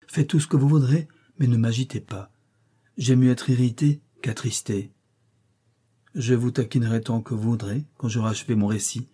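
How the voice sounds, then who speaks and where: A man reading a brooding ardent gentleman. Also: on the low side, breathy edge. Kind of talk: audiobook reading of a classic novel.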